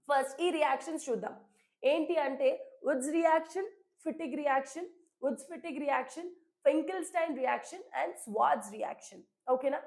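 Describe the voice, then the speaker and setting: A woman teaching chemistry in a live online class, speaking, hoarse and coughing from a sore throat, chatty and checking in with students often. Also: high voice, darkish tone. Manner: chatty, keeps checking in with "okay?". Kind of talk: live online class, Telugu-English mix.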